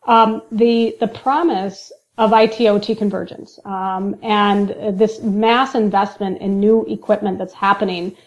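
A woman's voice: mid-range voice, fairly even intonation, unhurried, few pauses, lo-fi sound. A woman guest on a podcast interview, explaining steadily with frequent ums and restarts. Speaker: guest, industrial cybersecurity manager.

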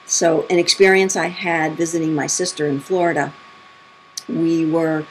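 A woman's voice: steady tone, moderate pace, slight background noise, rough recording. A middle-aged woman, a spirit medium, telling her own stories in a chatty, casual way and acting out the quotes. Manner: chatty, acts out quotes with big pitch jumps. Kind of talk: casual storytelling monologue.

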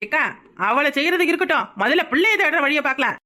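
A woman's voice: high-pitched, expressive, quick pace, bright, forceful tone. A woman voicing a practical younger village woman who keeps reassuring her elder, with a Kanyakumari Tamil accent. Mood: coaxing. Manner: coaxing, reassuring.

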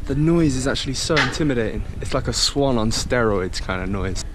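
A young British man narrating a parkour vlog on city rooftops, nervous and excited, swearing freely. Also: medium pitch, brisk. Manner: excitable, swears a lot, nervous running commentary. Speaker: parkour vlogger. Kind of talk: casual handheld vlog commentary. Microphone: action camera on body. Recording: wind and street noise outdoors. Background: outdoor street and wind noise.

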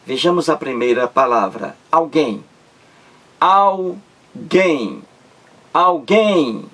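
Male teacher, husky voice, slow and deliberate, repeats words for emphasis. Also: medium pitch, fairly bright tone. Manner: slow, drawn-out syllables, repeats words to stress them. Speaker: Portuguese language teacher. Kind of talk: video grammar lesson.

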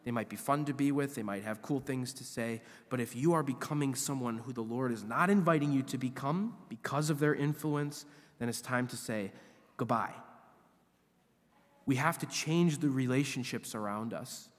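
A man in his forties, a visiting priest, preaching a sermon at a church lectern in an animated, emphatic way. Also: mid-range voice, normal speed. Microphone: lectern microphone. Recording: long church reverb.

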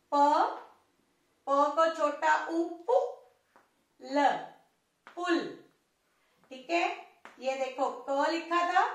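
A woman teacher giving a slow, patient online lesson, spelling out syllables one by one. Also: sits high. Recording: echoey room from far off.

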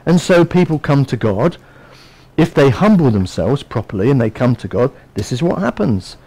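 A man's voice: medium pitch, big pitch swings, normal speed, dark tone, husky, low-quality recording. Man preaching in a chatty, storytelling way. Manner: conversational, storytelling delivery with frequent asides. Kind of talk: sermon.

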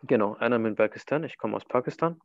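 A man's voice: mid-range voice, very fast, a little mellow, no echo, muffled recording. A man teaching Arabic in a one-to-one online lesson, patiently walking his student through each answer.

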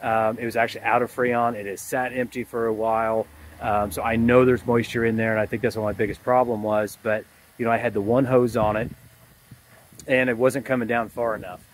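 Speaking at a medium pitch with little variation and a slightly fast pace, a forties-aged HVAC technician explains things conversationally to his camera. He's outdoors in a yard by an air conditioning unit, filmed on a phone at arm's length, and the recording is low quality with background noise.

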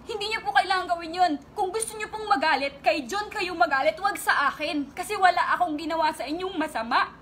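A woman's voice: extremely high pitch, fairly quick, fairly bright tone, slight background noise. A woman vlogger with a Filipino accent, angrily and tearfully speaking straight to her critics in an emotional online rant.

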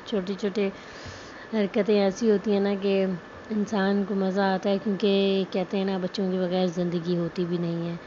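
Woman, chatty vlog narration, flat delivery, muffled phone audio, steady background noise. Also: medium pitch. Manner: chatty, with frequent fillers and asides. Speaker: vlogger.

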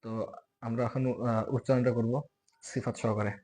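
A man with a Bangladeshi Bengali accent teaching Quran letter pronunciation, repeating sounds slowly and loudly as demonstrations and often asking "okay?". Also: medium pitch, little pitch movement. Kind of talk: recitation lesson on letter pronunciation.

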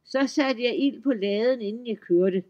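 A man's voice: extremely high pitch, darkish tone, highs cut off, voice pushed up. A man voicing a sly young farmhand who answers politely and innocently, read in a folk-tale audiobook. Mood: dutiful. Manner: mild, polite, mock-innocent.

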